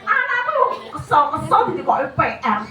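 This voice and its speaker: A woman with a Javanese accent giving a chatty, animated parenting talk to parents, dropping into Javanese phrases. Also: extremely high pitch, moderate pace, music in the background. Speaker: parenting seminar speaker. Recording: echoey hall, distant mic, noisy.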